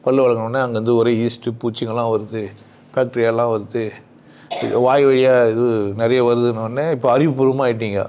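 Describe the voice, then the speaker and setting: A man's voice: mid-range voice, flat delivery, a little fast, a little mellow. A man giving an informal talk, bluntly questioning his listeners and answering his own questions. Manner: blunt, teasing, asks the audience questions and answers them himself. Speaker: speaker at a spiritual gathering. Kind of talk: informal lecture with rhetorical questions.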